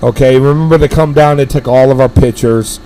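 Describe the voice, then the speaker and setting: A man's voice: medium pitch, brisk, dark tone. A middle-aged man hosting a powerlifting live stream, telling stories in a rambling, profane, emphatic way. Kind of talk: casual storytelling chat.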